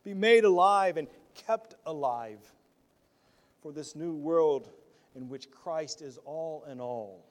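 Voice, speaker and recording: A pastor preaching a sermon, earnest, often repeating words as he restarts, moving between loud stressed phrases and quiet asides. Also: fairly high pitch, lively intonation, slow.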